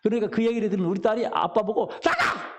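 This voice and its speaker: In a church sanctuary, a middle-aged pastor preaches a sermon, telling humorous stories and putting questions to the congregation. His voice is high and a little mellow, delivered rapid-fire in a steady tone, with slight background noise.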